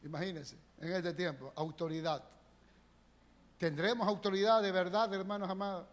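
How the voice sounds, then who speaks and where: A man with a fairly high voice preaches a sermon as a pastor in a church sanctuary, speaking at a normal pace with a steady tone. His delivery is emphatic and packed with rhetorical questions. The live stream carries a long church reverb.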